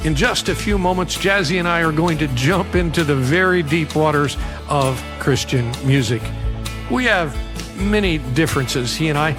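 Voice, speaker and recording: An older man from the American Midwest hosts a studio podcast as a pastor. He speaks in a measured, earnest and formal way, with a fairly high voice. A music bed plays clearly behind him. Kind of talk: podcast interview.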